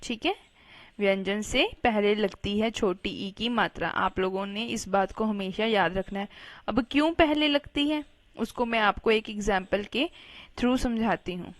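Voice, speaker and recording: Slow, patient woman teaching Hindi letters. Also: medium pitch, no echo. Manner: patient, spells words out syllable by syllable. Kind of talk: slow children's reading lesson.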